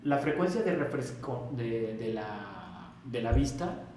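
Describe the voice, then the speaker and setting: A man's voice: mid-range voice, slow. A Mexican man telling a story in a casual interview, acting out past conversations in a livelier voice. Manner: animated, acts out past dialogue in raised voice. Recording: very echoey room, faint noise.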